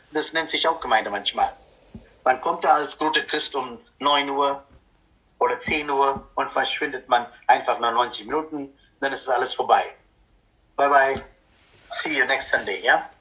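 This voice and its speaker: A man preaching a lively sermon as a pastor, speaking German with a non-native accent, acting out grumbling churchgoers and tagging questions onto his points. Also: medium pitch, rough recording. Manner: animated, acts out objecting churchgoers, frequent tag "ja?".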